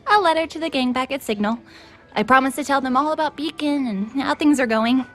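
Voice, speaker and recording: A woman voicing an eager, awkward teenage girl in an animated series, perky, dorky and easily flustered. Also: high voice, fairly quick. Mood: sheepish. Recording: background music behind dialogue.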